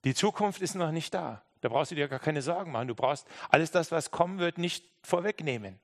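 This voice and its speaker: Pastor preaching with shifting intensity. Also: male voice, a little high, brisk. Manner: lively preaching, mimics excuses, drops to soft intimate tones. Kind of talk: sermon.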